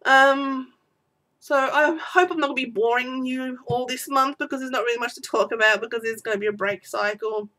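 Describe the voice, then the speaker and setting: A woman's voice: high voice, steady tone, normal speed, pushed and bright. Teary woman rambling in a video diary. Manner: rambling, apologetic talk. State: teary, voice breaking. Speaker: vlogger. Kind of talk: unedited personal video diary.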